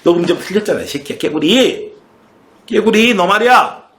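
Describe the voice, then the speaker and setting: A man voicing a bossy animal choir leader who gruffly scolds a frog, in a lesson story, recorded from a distance in an echoey classroom. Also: high voice, lively intonation, moderate pace, fairly bright tone, slight background noise, pitched above the performer's own voice. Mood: scolding.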